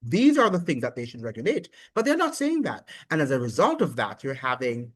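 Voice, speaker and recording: A man giving opinionated political commentary in an animated, preachy way, with halting restarts. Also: mid-range voice, dry recording.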